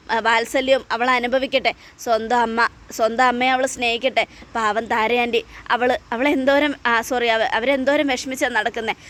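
A woman reading as a stern young husband in a TV serial retelling, firm and lecturing. Her voice stays high, with no attempt at a male voice. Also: fairly bright tone, close to an everyday voice.

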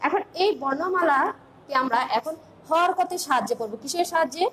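A high-pitched woman with a Bangladeshi Bengali accent leads an online lesson for young pupils. She recites letters slowly in a drilling rhythm and asks questions between them, with a faint hiss of background noise under her voice. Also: animated, a bit bright. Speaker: teacher.

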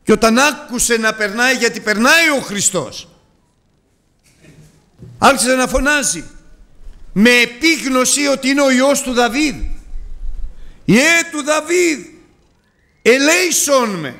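A man preaching a Sunday sermon to his congregation, moving from hushed, low pleading to high, loud cries. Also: long pauses.

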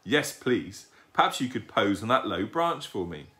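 A man plays a sweet young lady from a children's story. She is kind and polite, speaking gently with lively intonation. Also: on the low side, measured pace, heavily acted. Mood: patient.

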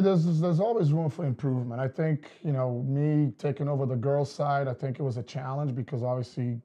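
A man, a soccer coach explaining his methods in an interview, measured with many fillers. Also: mid-range voice, dark tone, muffled recording. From Portugal. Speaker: girls' soccer coach, guest. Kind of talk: casual interview talk. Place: studio set with wood backdrop.

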